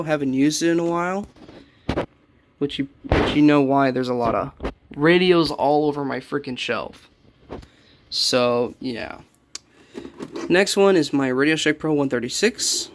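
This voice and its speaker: With a voice on the high side, a young collector casually presents his radios in a small, cluttered indoor space, meandering and self-correcting as he goes. Slight background noise is audible.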